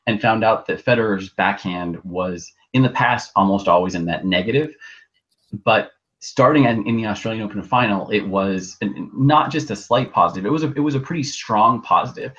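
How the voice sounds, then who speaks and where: Man on a dull, lo-fi internet call. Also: fairly bright tone. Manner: halting, often restarts words. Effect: low-quality internet call audio. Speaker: podcast co-host. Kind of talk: casual chat. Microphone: video call. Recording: dull lo-fi video call line.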